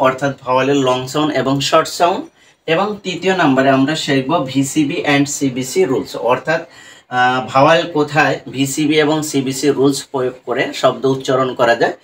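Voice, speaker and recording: A man teaching English pronunciation to students, explaining rules slowly and repeating sounds syllable by syllable. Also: mid-range voice, a bit bright, recorded from a distance, a little hiss or hum, rough recording. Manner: slow and repetitive, breaking words into syllables.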